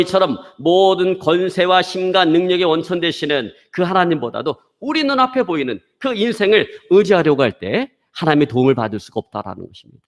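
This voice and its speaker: A man pastor preaching a sermon, often addressing the congregation, telling a story to make his point. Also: on the high side.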